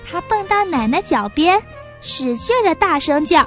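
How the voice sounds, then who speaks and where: Very high-voiced woman reading a children's story. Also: soft background music. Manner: expressive, unhurried narration.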